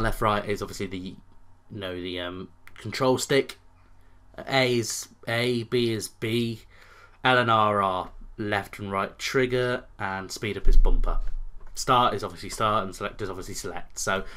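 A man's voice: mid-range voice, a bit bright. A young man casually commenting on a game as he plays, with rambling, crude, self-mocking asides. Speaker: let's play host.

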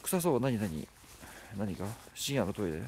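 A man's voice: lowish voice, very animated, normal speed, background noise. Playful man streaming outdoors at night. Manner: playful, teasing, chatty. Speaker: livestreamer. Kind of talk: casual live-stream chat reading viewer comments. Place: outdoors at night at a rural spot.

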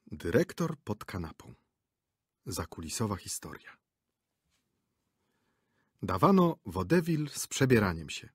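A man's voice: fairly low pitch, big pitch swings, measured pace, long pauses, slightly rough, no room sound, clean studio sound. A man narrating a classic story as an audiobook, reading expressively.

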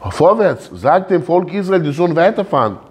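A man's voice: a little high, big pitch swings, normal speed, a little mellow, voice pushed up. A man voicing God, who gives firm, urging commands to Moses in a retold scripture scene. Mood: commanding.

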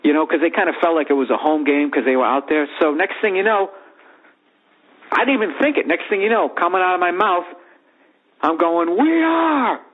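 A man hosting a podcast, telling a profane, rambling comic story in a lively way from his bedroom. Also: fairly high pitch, brisk. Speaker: podcast host. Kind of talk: comedic storytelling monologue. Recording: phone-like lo-fi audio.

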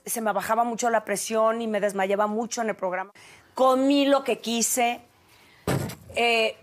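A woman in her forties with a Mexican Spanish accent tells a personal story as a TV host. Her voice sits a little high, and she is lively and expressive, acting out the lines of the people she remembers.

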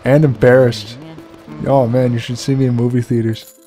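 Over faint music, a young let's play host with a relaxing, mid-range voice comments casually on a game at a moderate pace. He rambles easily, swears freely, and makes fun of himself.

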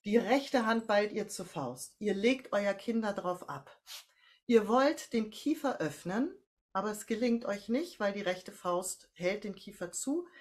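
Calm woman guiding voice exercises. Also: medium pitch. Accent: German. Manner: calm step-by-step instructions, slow and drawn out on cues. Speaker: voice coach leading a workshop. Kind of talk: guided voice and breathing exercise.

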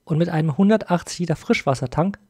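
Over background music, a man with a slightly high, warm, husky voice talks quickly through an informal video review, addressing his audience directly as host.

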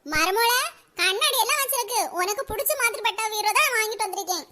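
A woman voicing an older village mother-in-law in a comedy cartoon, with a Kanyakumari Tamil accent and a shrill, squeaky voice. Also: lively intonation, fast talker, sharp tone, exaggerated voice. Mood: coaxing. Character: scheming old mother-in-law turned loving, village woman.

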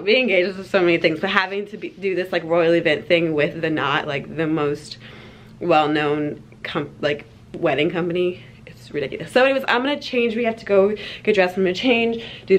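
A woman's voice: fairly low pitch, fairly quick, rough recording. Young woman vlogger, bubbly, rambling, faint hiss behind, handheld camera feel. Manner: bubbly, rambling, lots of fillers. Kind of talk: casual vlog chat. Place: hotel room and travel.

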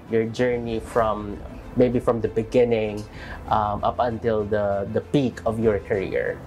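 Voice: mid-range voice, level tone, unhurried, a little mellow. An interviewer with a Filipino accent who asks polite, hesitant questions in a mix of English and Filipino. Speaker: interviewer, magazine host. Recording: music bed under the voice.

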